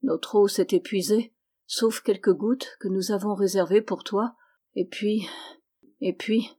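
A woman voicing an exhausted, tender man stranded in the desert, speaking gently and wearily in an audiobook. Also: mid-range voice, fairly even intonation, a little slow, close to an everyday voice. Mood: weary. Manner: gentle, weary, subdued. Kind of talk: audiobook reading.

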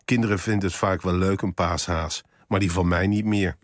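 A man's voice: deep voice, steady tone, moderate pace, no room sound, studio quality, natural voice. A man voicing a weary middle-aged man in an Easter bunny suit, laconic and matter-of-fact. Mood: flat.

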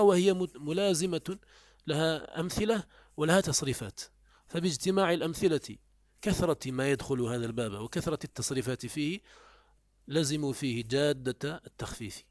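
A man teaching a classical grammar lesson, explaining step by step, asking and answering his own questions and slowly repeating words to drill them. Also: a little high, darkish tone, no echo, studio quality. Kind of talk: classical Arabic morphology lesson.

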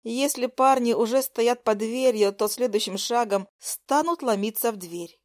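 A woman reading a first-person romance audiobook with expressive, intimate storytelling. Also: fairly high pitch, moderate pace. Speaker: audiobook narrator.

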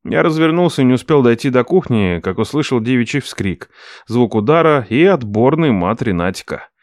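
A man reading first-person scripted narration in a dry, wry, expressive way. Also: mid-range voice, moderate pace, no room sound. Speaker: audiobook narrator.

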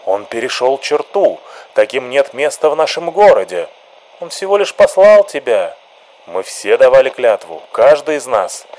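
A restless male activist from a radio play, loud and insistent, his voice pushed high and hard, as a male audiobook reader puts him on. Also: big pitch swings, normal speed, natural voice, rough recording. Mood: agitated.

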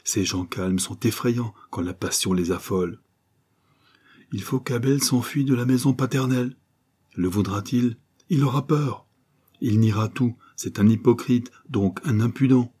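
A man reading aloud voices a worried father who reasons through a dilemma in measured, urgent speech. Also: mid-range voice, warm tone, husky. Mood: anxious. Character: anxious father, reasoning and troubled.

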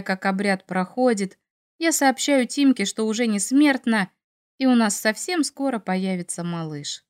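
A woman reading a fantasy audiobook in the first person with a lively, expressive delivery. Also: fairly high pitch. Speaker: audiobook narrator.

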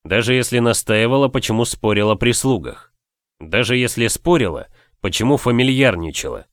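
A man's voice: mid-range voice, expressive, moderate pace, fairly bright tone, no echo, clean studio sound, natural voice. A man voicing a stern noble husband in an audiobook, speaking coldly in clipped, lecturing sentences. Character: stern lord husband, cold and controlled.

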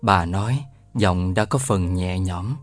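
A man narrating a children's novel aloud in a lively storytelling manner. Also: sits low, slow pace, no room sound, faint music behind. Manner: lively storytelling, voices all the characters. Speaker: audiobook narrator.

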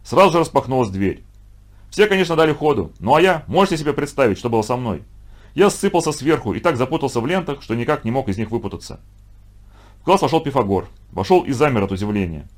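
A man narrating a children's storybook in an expressive, lively manner. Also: mid-range voice, fast. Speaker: reader.

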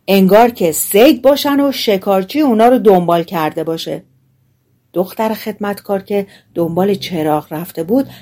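Woman telling a fairy tale aloud. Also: medium pitch. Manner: relaxed spoken-colloquial storytelling. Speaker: audiobook narrator. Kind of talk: storybook narration.

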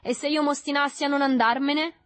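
A woman voicing a rough, threatening poor teenage boy who mocks and challenges a rich boy, in a storybook reading. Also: high voice, steady tone, a little fast, faint music behind, pitched above the performer's own voice. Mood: swaggering. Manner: loud, mocking, threatening.

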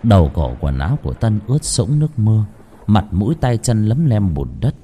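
A man narrating a ghost story in a dramatic, expressive manner. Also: on the low side, a little fast, husky. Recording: faint background music.

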